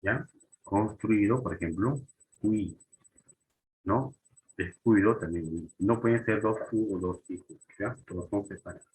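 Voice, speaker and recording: A man's voice: on the low side, measured pace, darkish tone, rough recording. A man teaching a grammar lesson, often restarting and checking in with short questions.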